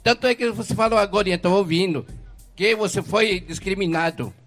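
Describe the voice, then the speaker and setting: An earnest man in his seventies from Mato Grosso do Sul, Brazil, sells herbal medicine and gives an emotional street testimony, rambling and heavy with blessings. His voice is high-pitched and a bit bright, moving a little fast over soft background music.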